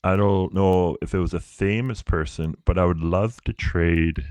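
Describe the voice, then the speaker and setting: Very deep-voiced man telling stories. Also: normal speed, a little mellow, clear, resonant tone, no echo. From Canada. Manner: laid-back storyteller, many fillers. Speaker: podcast guest, Paralympic athlete. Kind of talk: casual interview chat.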